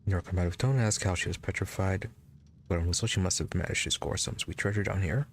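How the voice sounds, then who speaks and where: A man's voice: low-pitched, quick pace, gravelly, a little hiss or hum. A man giving casual commentary as he plays through a video game. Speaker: gamer, let's play commentator.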